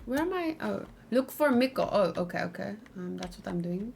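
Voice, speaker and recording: Her mid-range voice is expressive, creaky and a little mellow, moving at normal speed. As a livestream host playing a game, she thinks aloud casually in brief, musing fragments, with keyboard typing and faint noise in the background.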